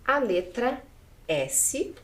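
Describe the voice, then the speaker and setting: A woman's voice: a little high, sing-song, drawn-out words, fairly bright tone. A Brazilian woman teacher with a Brazilian Portuguese accent, patiently spelling out letters and syllables one by one in a video lesson.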